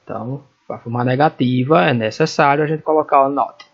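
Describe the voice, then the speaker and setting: A man with a Brazilian Portuguese accent teaching an English lesson, explaining slowly and repeating phrases as he checks that the students follow. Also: mid-range voice, gravelly, slightly rough, muffled recording. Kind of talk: recorded classroom lesson.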